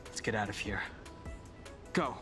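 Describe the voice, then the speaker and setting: A man playing a calm, reserved young dragon-folk hero in a video game, speaking in a measured, serious way. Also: on the low side, over music, natural voice. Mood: guarded.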